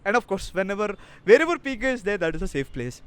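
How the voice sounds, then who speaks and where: A man's voice: high voice, big pitch swings, fast talker, smooth. A man with an Indian accent presenting a street interview show, chatty and talking to passers-by. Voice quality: code-switches between languages. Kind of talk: vox pop presenting to camera. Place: outdoors on a city street. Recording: outdoor street noise, passing traffic.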